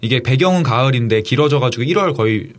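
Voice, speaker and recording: Young male actor, quick lively storyteller, guest on a talk show. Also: mid-range voice. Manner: lively storytelling, acts out shouted quotes. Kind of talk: casual chat.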